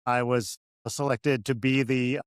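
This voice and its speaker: A man's voice: medium pitch, fairly even intonation, a little slow, smooth, no room sound, clean studio sound. A man speaking as a guest on an industry panel, straightforward. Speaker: guest, charger manufacturer executive. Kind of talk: panel discussion.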